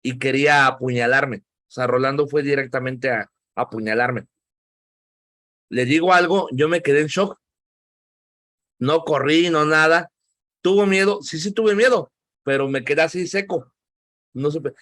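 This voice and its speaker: Animated Mexican man teaching a Bible class. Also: on the high side, measured pace, pauses often, no room sound, studio quality. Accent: Mexican Spanish. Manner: animated storyteller, often says "hermanos" and "¿verdad?", acts out quoted voices. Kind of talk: preaching-style lesson with personal anecdotes.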